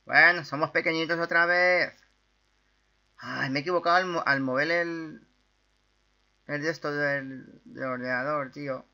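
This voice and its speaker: A young man from Spain with a Spanish accent, chatting his way through a video game with excitable outbursts and repeated words. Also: fairly high pitch, unhurried, pauses often, highs cut off. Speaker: gaming YouTuber. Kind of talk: casual gameplay commentary.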